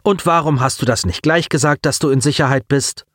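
A man voicing an excitable young man stranded on an alien world, asking eager, keyed-up questions. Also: a little high, a little fast, no room sound, studio quality, voice pushed up. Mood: indignant.

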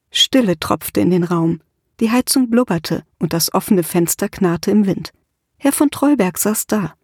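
Measured woman audiobook narrator. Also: medium pitch, a little mellow, husky, dry recording, clean studio sound.

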